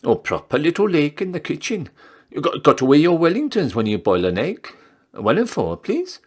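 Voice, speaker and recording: A man's voice: a little high, sing-song, moderate pace, voice pushed up. A man voicing a gossipy, nosy Welsh barmaid with a lilting, questioning way of talking in a story reading.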